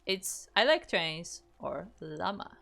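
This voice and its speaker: With a fairly low, slightly bright voice marked by vocal fry, a woman from Poland casts a live game tournament very animatedly but slowly, faint music in the background. The esports caster, who has a Polish accent, chats along, reads out the chat and often begins her sentences again.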